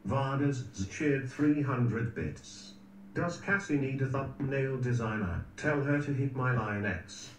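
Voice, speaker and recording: A synthetic man's voice of middling pitch reads stream alerts at a slow pace. It echoes in the room with faint noise behind it. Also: lively intonation. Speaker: donation alert text-to-speech voice. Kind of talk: flat read-out of stream messages.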